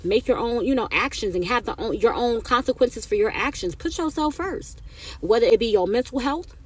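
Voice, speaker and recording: Fairly quick and breathy, with a fairly high pitch and lively intonation, a woman in her thirties dishes out casual advice on camera. She's repetitive and often closes with "right?" or "okay?".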